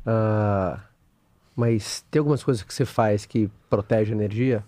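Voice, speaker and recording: A man with a Brazilian Portuguese accent hosting a casual podcast chat in a relaxed, slangy way. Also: fairly low pitch, unhurried, dry recording.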